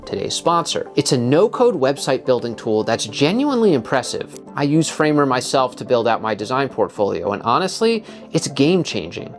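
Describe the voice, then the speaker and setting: A man hosting a design video, giving scripted narration with an explanatory, punchy delivery. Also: mid-range voice.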